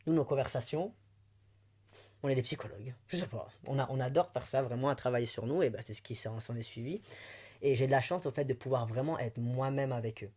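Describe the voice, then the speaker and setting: A man from Belgium with a light Belgian French accent, talking candidly and with emotion as a guest in a personal interview, chatty and quick to laugh. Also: medium pitch, mellow.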